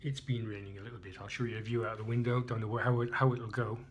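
A man's voice: fairly low pitch, little pitch movement, fast, slight background noise. Chatty Englishman filmed on a phone. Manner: chatty, rambling, self-mocking. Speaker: beer reviewer. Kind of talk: casual beer-tasting vlog. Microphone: handheld phone video.

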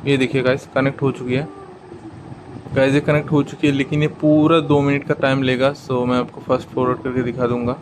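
A man's voice: mid-range voice, little pitch movement, a little fast, noisy background. A man giving a casual how-to product demo, chatty and explanatory, talking straight to his viewers. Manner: chatty and explanatory, often addresses the viewers as guys. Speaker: product reviewer.

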